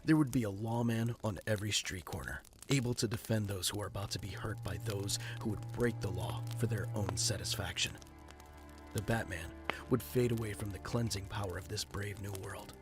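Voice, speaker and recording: A man's voice: fairly low pitch, normal speed, close to an everyday voice. A man voicing Batman as a young billionaire in an audio drama, speaking earnestly and solemnly. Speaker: voice actor. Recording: with background music.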